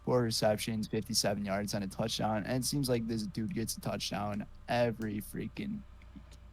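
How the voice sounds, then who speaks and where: A man's voice: lowish voice, little pitch movement, moderate pace. A man co-hosting a sports podcast, talking casually and jokingly with lots of fillers. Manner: easygoing, joking, many fillers. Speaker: podcast co-host.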